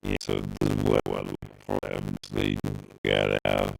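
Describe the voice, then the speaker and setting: A man co-hosting a live stream, his voice garbled and robotic as the stream quality drops, talking on in halting bits. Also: very deep voice, flat delivery, creaky, soft background music, rough recording. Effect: garbled, robotic-sounding stream audio dropping quality. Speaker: co-host of a live streaming show. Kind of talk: casual live-stream chat.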